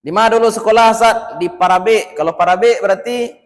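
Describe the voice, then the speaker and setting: Speaking to a live audience, a religious teacher from West Sumatra with a Minangkabau accent gives a lively lecture, quizzing listeners and switching into his local dialect for jokes. His voice is high-pitched at a moderate pace, with the long reverb of a large hall.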